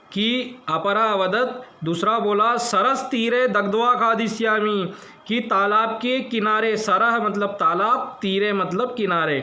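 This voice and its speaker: A man's voice: high-pitched, sharp tone. A man teaching a lesson, reading a text line by line and translating each word, with questions to the class about grammar.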